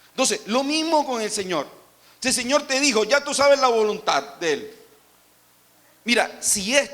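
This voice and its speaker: A male pastor with a Colombian Caribbean Spanish accent delivers a sermon in a high voice. He keeps turning to the congregation with questions and asks them to answer back. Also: fairly bright tone.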